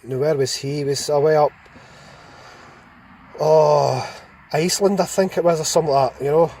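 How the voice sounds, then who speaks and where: A man's voice: a little high, steady tone, normal speed, a little mellow, a little hiss or hum. A Scottish man telling casual anecdotes in an over-CB-radio chat, rambling and enthusiastic.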